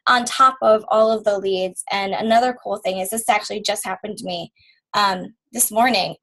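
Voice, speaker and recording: Woman co-host, fairly high voice, upbeat chatty call delivery. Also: creaky, low-quality recording. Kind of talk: casual conference call.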